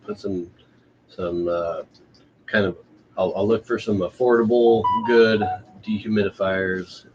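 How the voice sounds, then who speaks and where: A man's voice: on the low side, fairly even intonation, unhurried. A man co-hosting a live stream, chatting casually about gardening gear. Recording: muffled, noisy live-stream audio.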